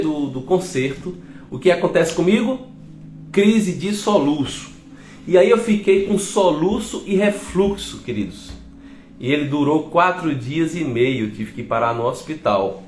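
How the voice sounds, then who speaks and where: A middle-aged man, a pastor with a Brazilian Portuguese accent, telling his testimony as a sermon, often turning to the congregation. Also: on the high side. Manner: lively storytelling, often addresses the congregation. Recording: echoey hall with faint music.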